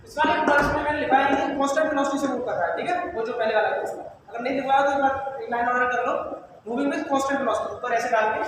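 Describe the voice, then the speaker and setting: High-voiced man teaching physics in an echoey hall. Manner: checks understanding after nearly every line; mixes English technical terms into Hindi explanation. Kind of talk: classroom lecture. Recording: echoey hall from far off, faint noise.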